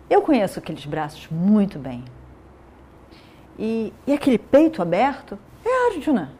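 A woman voicing an old male warrior teacher who speaks slowly and marvels as he recognizes someone. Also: mid-range voice, dark tone, a little hiss or hum, voice pushed down.

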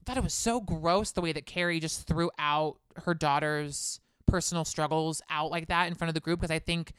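This woman co-hosts a podcast, ranting quickly and with strong opinions while chatting casually about reality TV. Her low, somewhat bright voice is clear and resonant with fairly even intonation, and there's no echo.

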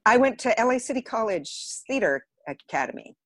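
She has a husky voice on the high side, very animated and a little fast, captured in a dry recording. A theatre director and podcast guest from the Los Angeles area, she tells candid stories with self-deprecating humour in a casual interview.

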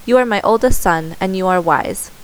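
A woman's voice: medium pitch, normal speed, smooth, natural voice. A woman reading the lines of a poor widowed farmer father in a storybook, with a patient, kindly tone.

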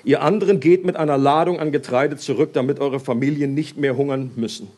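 A man reading the lines of a stern, commanding ruler in a measured tone. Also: medium pitch, fairly even intonation, a little mellow, natural voice.

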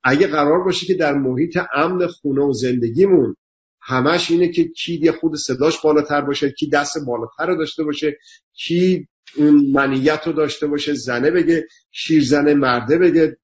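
A man talks in an earnest, lecturing way, stacking up emphatic lists and repeating his points. His voice sits a little high for a man. The sound is dull and lo-fi, like a remote call. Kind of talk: earnest explanatory talk.

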